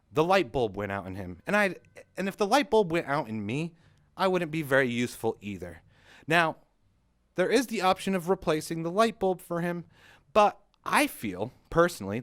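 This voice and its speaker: A man's voice: fairly high pitch, a bit bright, dry recording. A young adult man hosting a comedic rant vlog, telling a mock-dramatic story with sarcasm in a recording studio. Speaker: vlog host.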